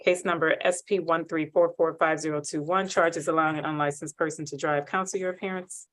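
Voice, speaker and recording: Here a woman judge, her voice low, moves briskly through a hearing on a courtroom recording. She keeps a steady tone, formal throughout, reciting the prescribed steps by rote.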